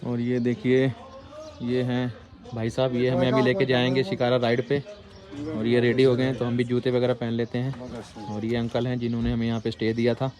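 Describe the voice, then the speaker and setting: A man's voice: mid-range voice, completely flat delivery, fairly quick, a little mellow, faint music behind. A man talking casually to his viewers in a travel vlog, recorded outdoors on a small boat on a lake, calling them "brother" as he goes. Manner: chatty, keeps calling the viewer "bhai". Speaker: travel vlogger.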